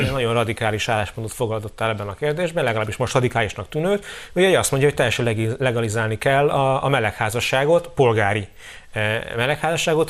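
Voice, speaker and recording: A man debating as a political analyst guest, wry and ironic, often stumbling and restarting his sentences. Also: mid-range voice.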